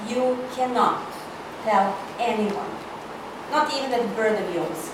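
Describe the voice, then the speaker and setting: A woman with a slightly high voice speaks slowly as she cold reads a screenplay role: a domineering, haughty corporate older sister, bossy and dryly sarcastic. She's in an indoor reading hall, recorded from far off, with echo and loud noise.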